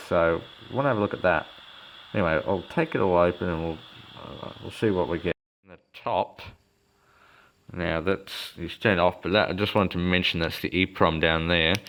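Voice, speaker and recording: With a deep, somewhat bright voice, a man walks through an electronics repair as a hobbyist presenter, unscripted, hesitant and rambling while he reasons aloud. The audio comes from a phone filming his workbench.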